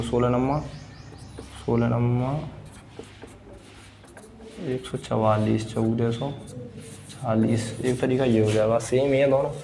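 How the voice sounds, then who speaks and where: At a blackboard in a classroom, a man with a medium-pitched, dark voice teaches maths, putting questions to the class and then answering them himself. A little hiss or hum sits under the recording.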